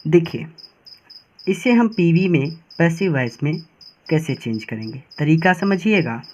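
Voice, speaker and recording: A man teaching English grammar at a board, working through examples slowly and spelling out words as he writes. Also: a little high. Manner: slow dictation-like pacing, spelling words out. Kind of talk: board lesson explaining grammar. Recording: dull lo-fi classroom recording.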